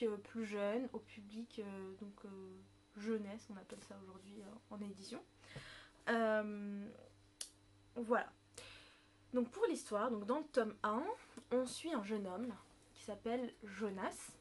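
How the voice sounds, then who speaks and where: A woman's voice: medium pitch, measured pace, slightly rough. A woman, presenting a book review on her vlog in a chatty way, with many fillers and self-corrections. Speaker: book vlogger.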